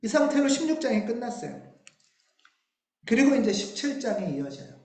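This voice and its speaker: A male pastor preaching with a lively, swooping pitch, now and then acting out the words of the people he quotes. The room rings around him, with the roomy echo of a church hall. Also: normal speed. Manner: lively, acts out quoted lines with laughter. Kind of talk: sermon. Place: church sanctuary.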